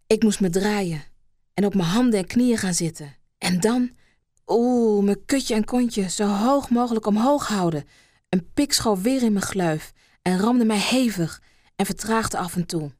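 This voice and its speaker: A woman reading an erotic story aloud in a soft, hushed voice that slips into whispers. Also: medium pitch, dry recording, studio quality. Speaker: narrator.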